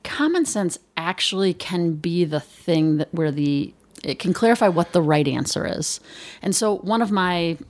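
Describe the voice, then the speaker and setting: A woman's voice: lowish voice, animated, measured pace, darkish tone. A businesswoman with a Chicago accent, guest on an interview show, talking in an emphatic, candid, joking way. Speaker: agency chief executive, guest. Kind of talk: conversational interview.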